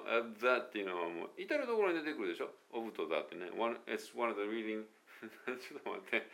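A male pronunciation coach chats casually in a monologue video, mixing English phrases into his Japanese. His voice is medium-pitched and fairly bright, with vocal fry, and he corrects himself and laughs at his own slips as he goes.

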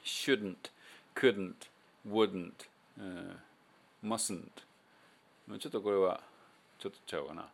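Kansai-accented male host, low voice, relaxed talky teacher, slows down to demonstrate sounds. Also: vocal fry. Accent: Kansai Japanese. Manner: chatty and loose, with many fillers, slowing down to demonstrate sounds. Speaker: English pronunciation teacher. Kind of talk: casual spoken audio lesson.

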